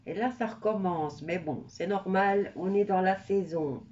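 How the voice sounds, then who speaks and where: A tarot card reader with a stuffy nose from a cold gives viewers a casual reading, chatting and rambling with lots of hesitations and some coughing. Her voice is medium-pitched and dark in tone, her pace unhurried, and the highs are cut off.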